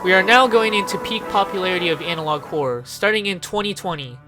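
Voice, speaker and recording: A fast-talking narrator with a medium-pitched voice gives opinionated, informal video essay commentary, swearing freely. Background music plays throughout.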